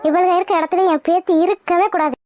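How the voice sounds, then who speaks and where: A woman voicing a sharp-tongued old village grandmother who scolds and quarrels, in a cartoon. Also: very high voice, fairly even intonation, quick pace, faint music behind. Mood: scornful.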